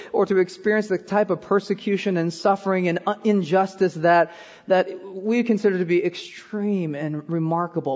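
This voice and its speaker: Pastor, man in his 30s, high voice, sermon with animated self-deprecating asides, dull roomy hall sound. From born in Korea, raised in Iowa.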